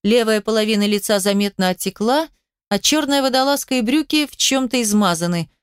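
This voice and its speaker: A woman's voice: on the high side, lively intonation, brisk, clean tone, no echo, clean studio sound. A woman reading a first-person story aloud in a wry, sarcastic way. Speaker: narrator. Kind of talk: first-person audiobook narration.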